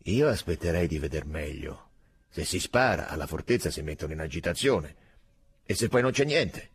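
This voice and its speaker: A man voicing a calm, dutiful army sergeant who speaks evenly and slowly. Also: a bass voice, slightly rough, full character voice. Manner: even, slow, dutiful, matter-of-fact. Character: calm older male army sergeant, by-the-book.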